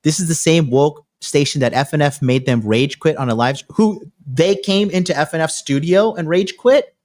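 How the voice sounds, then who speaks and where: A man's voice: fairly high pitch, normal speed, darkish tone. A man in his late thirties hosting a podcast, talking in a brash, crude, boastful way. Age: 30s. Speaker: podcast host. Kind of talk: casual podcast chat.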